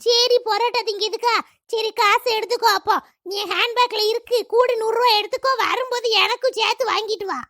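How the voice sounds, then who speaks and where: A woman's voice: very high-pitched, steady tone, fairly quick, fairly bright tone. A woman voicing a grumbling old village granny. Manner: complaining, scolding. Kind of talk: cartoon voice acting.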